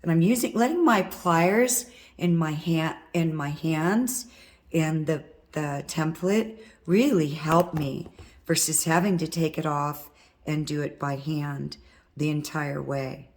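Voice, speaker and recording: Slowly and a little mellow, a husky middle-aged woman talks through a hands-on wire craft lesson step by step. Her low, tired, hoarse voice comes from vocal cord nodules, and she keeps up a casual chatter while her hands work.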